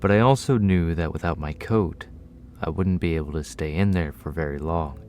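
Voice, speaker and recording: Deep-voiced man narrating a horror story. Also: normal speed, darkish tone, slight background noise.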